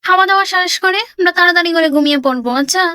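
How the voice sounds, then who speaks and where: A woman's voice: extremely high pitch, rapid-fire, pushed and bright, no room sound, studio quality. A woman voicing a hardworking, worried village mother in a doll story drama. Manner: worried, emotional.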